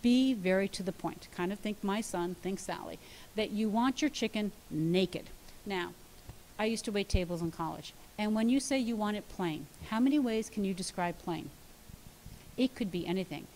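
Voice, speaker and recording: A middle-aged woman dietitian giving a lively, practical talk to an audience, telling stories and acting out the dialogue with emphasis. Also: mid-range voice, normal speed, rough recording. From United States. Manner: storytelling, acts out dialogue, emphatic. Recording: faint hiss.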